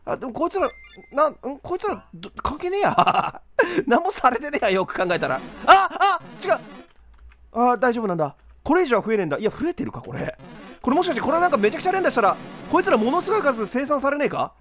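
A young man doing let's play commentary, rough-talking and exasperated, laughing often. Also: very high-pitched, very animated, fast, a crowd in the background. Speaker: game commentator.

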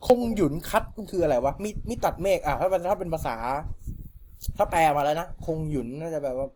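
Young male fan fiction reader, slightly higher pitch, casual and chatty, breaks off to muse over word choices. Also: a little fast, mellow, a little hiss or hum. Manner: chatty, stops often to question wording. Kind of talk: reading a novel aloud with asides.

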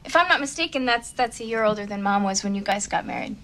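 An indignant young daughter. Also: female voice, mid-range voice, lively intonation, a little fast, bright, forceful tone. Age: 20s. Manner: indignant, incredulous retorts. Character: young adult daughter defending her marriage plans.

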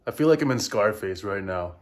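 In a living room, a man in his thirties hosts a casual explainer vlog. His voice sits on the low side, with lively intonation and a fairly quick pace, and his manner is informal and matter-of-fact.

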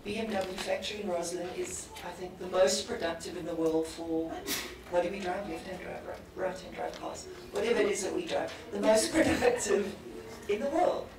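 A woman with a South African English accent speaking directly and briskly on a conference panel. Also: lowish voice, crowd noise. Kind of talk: panel discussion. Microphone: handheld mic. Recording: very echoey hall, distant, background noise.

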